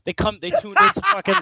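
Lively, profane man saying "bro". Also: extremely high pitch, creaky, no echo, dull audio. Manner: profane, laughing, calls people bro and man. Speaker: podcast co-host. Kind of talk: casual podcast chat.

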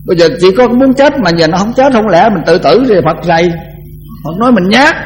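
An older man, a Buddhist monk, giving a conversational dharma talk that often repeats words and slows down to chant verses. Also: sits high, expressive, faint music behind, poor audio.

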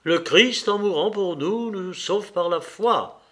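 A man voicing a weary, solemn high official who talks in a preaching way. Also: takes it slowly, fairly bright tone.

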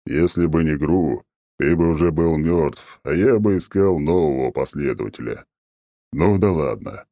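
A haughty ancient oak god speaks in a rumbling, extremely deep and dark voice, as a male narrator puts him on. He talks down with mocking condescension. The sound is dry and close. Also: measured pace, dry recording. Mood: smug, haughty.

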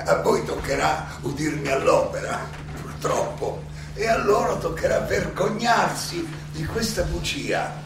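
A man playing the seventy-year-old Socrates in a theatrical monologue, an ironic, indignant accused philosopher who addresses his judges haltingly, repeating phrases and throwing out questions. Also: high-pitched, animated, creaky, background noise, exaggerated voice. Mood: wry, self-deprecating. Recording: very echoey, distant miking, music behind.

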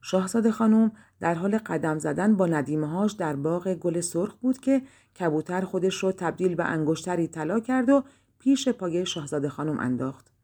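Low, mellow woman narrating a fairy tale. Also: expressive. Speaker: audiobook narrator.

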